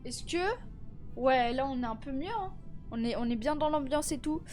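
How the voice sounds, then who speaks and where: A teenage girl with a high voice and somewhat dark tone is live streaming and chatting casually with her viewers at a moderate pace, with faint music in the background. She sounds tired and congested from a cold, filling her speech with fillers and restarts.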